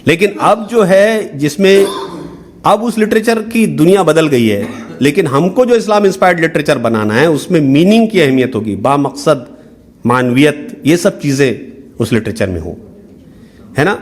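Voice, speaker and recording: A man's voice: fairly high pitch, lively intonation. A middle-aged man giving a workshop lecture. He explains step by step, drops English terms into his talk and keeps asking "hai na?". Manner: explanatory, mixing in English terms, frequent "hai na" tag questions.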